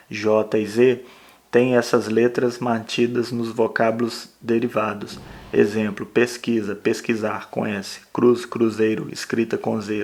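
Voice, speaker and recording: Male teacher giving a spelling lesson: flat, gravelly delivery, checks in often. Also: lowish voice. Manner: explains slowly with frequent "né?". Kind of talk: grammar lesson.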